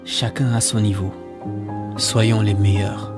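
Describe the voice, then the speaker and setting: Slowly and in a level tone, a man with a voice on the low side reads out a scripted monologue. It's solemn spoken word that exhorts the listener through repeated rhetoric, set against music.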